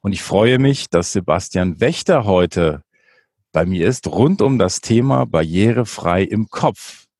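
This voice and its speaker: A man hosting a conversational interview, repeating words haltingly as he forms his questions. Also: on the low side, lively intonation, a little mellow, dry recording, clean studio sound. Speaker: podcast host, interviewer.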